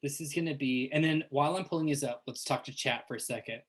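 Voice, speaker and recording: A man's voice: fairly high pitch, fast. A man running a tabletop role-playing game on a live stream as game master, chatting casually and organizing the players.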